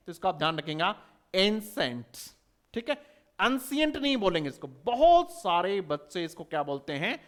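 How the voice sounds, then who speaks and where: A man's voice: high-pitched, fairly bright tone. A man giving an exam-prep English lecture, spelling words out and firing rhetorical questions at students. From India. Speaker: English teacher.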